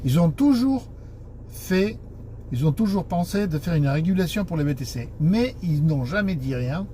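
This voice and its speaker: A man's voice: on the high side, animated, normal speed, warm tone, slight background noise. A man giving an informal explanation in broken French, searching for words and making grammatical slips. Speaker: taxi association board member and spokesman.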